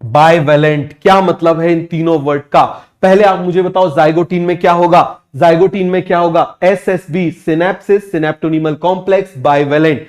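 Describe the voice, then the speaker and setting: A man teaching biology in a fast exam-prep lecture, firing quick questions at students and repeating key terms slowly, mixing with terms. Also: fairly high pitch, steady tone. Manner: rapid, drilling questions, repeats answers slowly.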